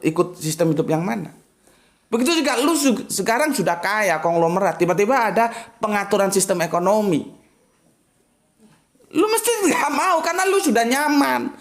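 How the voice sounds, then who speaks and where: A man giving a casual religious lesson, emphatic and full of rhetorical questions and spoken examples. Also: sits high. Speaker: Islamic teacher.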